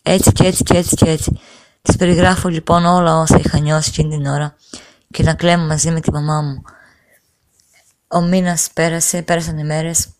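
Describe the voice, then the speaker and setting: A middle-aged woman telling a personal testimony in an earnest, halting way, repeating phrases and restarting sentences. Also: deep voice, a little mellow. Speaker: storyteller giving a personal testimony. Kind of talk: emotional first-person testimony.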